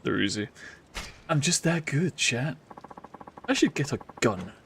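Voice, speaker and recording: A man's voice: medium pitch, expressive, unhurried, vocal fry, fairly bright tone, slight background noise. A man streaming a game, joking and swearing as he chats with his viewers. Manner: joking, sweary, talks to chat. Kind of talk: casual gaming commentary.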